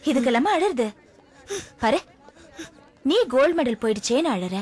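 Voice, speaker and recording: A woman's voice: high-pitched, big pitch swings, moderate pace. An actress playing a cheerful, headstrong young female college student who talks in a chatty, coaxing way. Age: young adult. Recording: film soundtrack under loud music.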